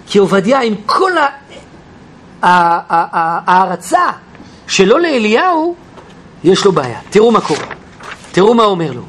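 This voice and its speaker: High-voiced man teaching a lively Bible class. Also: a little hiss or hum. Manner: animated, questions the class, acts out quotes. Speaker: Torah teacher.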